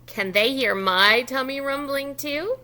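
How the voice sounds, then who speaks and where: Her voice high-pitched, bright and forceful, a preschool teacher reads a picture book aloud with lots of expression. She pauses now and then to give young children encouraging, simple prompts.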